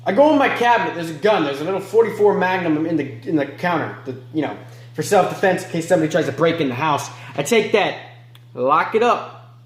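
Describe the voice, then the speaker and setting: A man playing a remorseless male killer in an amateur film monologue, moving between low mutters and sharp outbursts. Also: reverberant. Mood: cold, detached. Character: remorseless male killer recounting his crimes.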